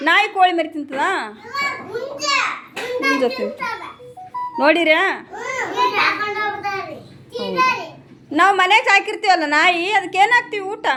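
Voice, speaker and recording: A woman's voice: very high voice, expressive, unhurried, pauses often. A woman with a North Karnataka accent teaching preschool children, coaxing them with questions and calling on them by name. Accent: North Karnataka Kannada. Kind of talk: classroom questioning of small children. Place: village preschool classroom. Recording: noisy classroom recording.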